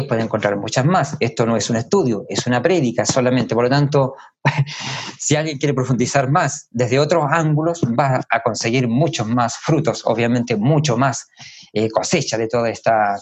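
A man delivers a sermon in a husky voice. He talks in a measured way, repeating key words for weight and pausing with small hesitations as he thinks. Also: fairly high pitch. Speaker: preacher.

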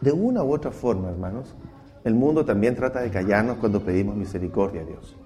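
A man preaching a sermon as pastor, swinging between loud cries and hushed asides and acting out quoted voices. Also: fairly low pitch, animated, a little fast.

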